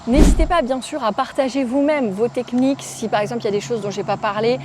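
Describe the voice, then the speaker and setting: A woman's voice: fairly high pitch, fast talker, background noise. Chatty French woman vlogging outdoors. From France. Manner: chatty, informal, frequent fillers. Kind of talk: casual talk to camera. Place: outdoors in a park. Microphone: phone camera.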